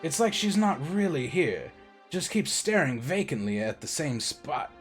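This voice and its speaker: A man voicing a grave middle-aged doctor, speaking low, quiet and solemn. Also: sing-song, a little slow, soft background music. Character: grave middle-aged male chief of medicine.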